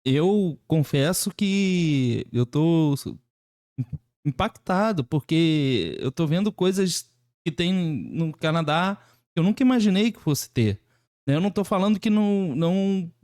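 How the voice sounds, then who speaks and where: A man's voice: high-pitched, darkish tone, no room sound. Impressed Brazilian man reacting, dry close sound. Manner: impressed, repeats himself. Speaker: reaction video host. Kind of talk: casual reaction commentary.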